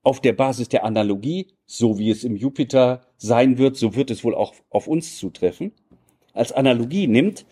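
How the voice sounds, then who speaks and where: Guy lecturing slow and formal, kinda husky, mellow low tone. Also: animated. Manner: measured, formal and elaborate phrasing. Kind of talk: academic lecture.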